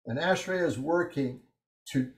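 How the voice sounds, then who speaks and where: A man's voice: a little high, unhurried. Man presenting a technical webinar, roomy sound. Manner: steady explanatory delivery with frequent "uh" fillers. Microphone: video call.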